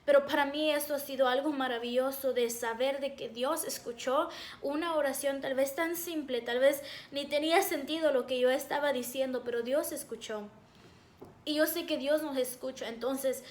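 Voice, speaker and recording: A young woman with a high voice shares a personal faith testimony in an earnest, halting way, pausing often on fillers. Her voice rings in an echoey room. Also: a little hiss or hum. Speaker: devotional speaker.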